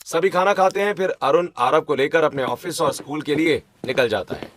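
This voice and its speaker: A man narrating a cartoon story in a steady storytelling manner. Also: a little high, a little fast, slight background noise.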